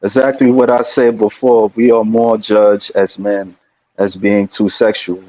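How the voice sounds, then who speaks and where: A male interview host asks his questions over a video call. He speaks haltingly, with frequent ums and restarts. His voice is low, and the audio sounds dull and lo-fi. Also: little pitch movement, warm tone.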